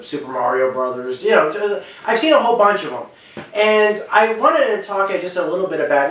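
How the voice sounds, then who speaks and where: A man with a slightly high voice talks off the cuff in a very echoey room, some distance from the microphone. Hosting video commentary, he rambles through his opinions unscripted, hesitating, often backtracking and leaning hard on key points.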